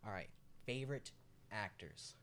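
A man's voice: on the low side, lively intonation, a little slow, fairly bright tone, slight background noise. A man co-hosting a casual podcast chat, blunt and joking, who swears freely.

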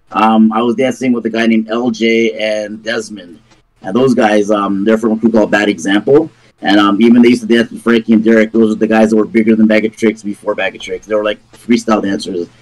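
A man's voice: lowish voice, steady tone, fairly quick, a little mellow, low-quality recording. A man, telling stories as a podcast guest in an informal, rambling way. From Toronto, Canada. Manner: rambling, informal, checks in with "you know what I mean". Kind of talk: casual conversational storytelling.

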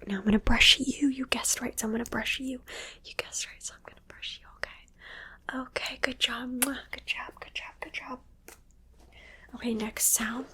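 A woman whispering softly into a close microphone, coaxing and praising the listener through an ASMR guessing game. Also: on the high side, fairly even intonation, moderate pace. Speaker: ASMR creator. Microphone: close sensitive microphone.

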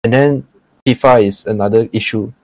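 Male, low voice, Malaysian accent. Casual podcast guest explaining things in slangy English with Malay mixed in, dry close sound. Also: steady tone, moderate pace, a little mellow, no echo, poor audio. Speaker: podcast guest, mental performance coach for gamers.

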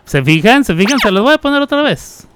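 A man's voice: very high-pitched, sing-song, fairly quick, a bit bright, slight background noise. A man hosting a radio show, chatting casually, teasing listeners and laughing often. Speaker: radio host.

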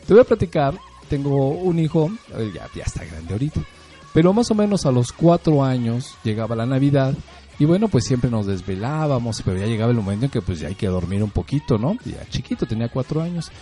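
Middle-aged mexican guy chatting about parenting, really deep mellow voice, tells stories and keeps tossing in little questions, soft music behind. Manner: storytelling, conversational, rhetorical questions. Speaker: host. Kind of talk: casual talk about parenting.

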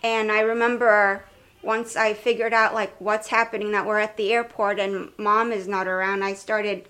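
A woman's voice: medium pitch, flat delivery, moderate pace, bright, forceful tone, clear, resonant tone. A young woman from Romania, a podcast guest sharing her life story in a casual, conversational way, with many fillers and self-corrections. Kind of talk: casual personal testimony.

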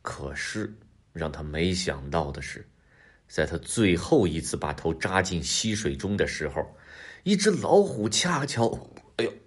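Lively husky man telling kids' stories. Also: low voice, a little slow. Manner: lively, expressive, talks to kids directly. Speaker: storyteller for children. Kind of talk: children's story narration.

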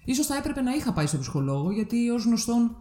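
A woman in her thirties telling a personal story in casual podcast chat, candid and animated when she quotes others. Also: a little high, roomy sound. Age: 30s.

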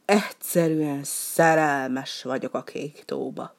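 A high, fussy little wild duck from a children's storybook, put on by a woman reading aloud. She pleads and complains in a sniffly, stuffed-up voice. Her tone is raised and strained above the reader's own. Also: steady tone, vocal fry. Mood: boastful. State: sniffly with a cold.

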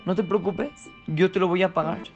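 A storyteller voicing an impatient rich man who shouts at someone holding up a checkout line. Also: medium pitch, fairly even intonation, muffled recording, faint music behind, lightly acted. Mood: generous. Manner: yelling, indignant, rapid.

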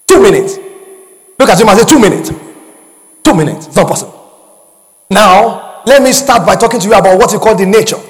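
A man preaching a sermon to a congregation, calling for responses and often shouting. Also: high-pitched, expressive, fairly quick, pauses often, long reverb tail. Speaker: pastor.

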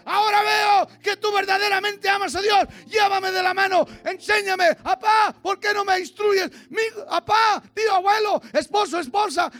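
A man preaching a fiery sermon as pastor, dropping to low murmurs and rising to shouted exhortation, often calling out "hermano". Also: no room sound. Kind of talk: fiery Pentecostal-style sermon.

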